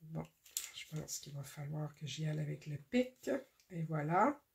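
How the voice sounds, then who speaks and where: A woman walks viewers through a craft project at an unhurried pace. Her voice sits a little low, and she fills the gaps with small hesitations as she works. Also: gravelly, slight background noise. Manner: slow, careful, talks through each step with many fillers. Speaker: card-making tutorial host. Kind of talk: casual craft demonstration.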